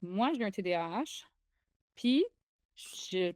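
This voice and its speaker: Young Québécois woman co-host, excitable and chatty, dry booth sound. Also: mid-range voice, takes it slowly, no room sound. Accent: Québécois French. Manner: excitable, chatty, frequent fillers and restarts. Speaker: podcast co-host. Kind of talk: casual podcast chat.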